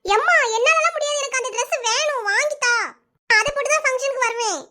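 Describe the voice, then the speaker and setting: Woman playing a squeaky bright teen sister, whines and sulks nonstop. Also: fast talker. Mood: whiny. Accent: southern Tamil Nadu. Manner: shrill, complaining, sulky. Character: whiny jealous teen older sister. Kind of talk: cartoon voice acting.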